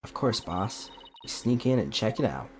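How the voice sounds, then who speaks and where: A man's voice: lowish voice, sing-song, moderate pace, a little mellow, slight background noise, pitched above the performer's own voice. A man voicing an eager, cheeky young woman lawyer from a video game. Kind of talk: video game dialogue read aloud.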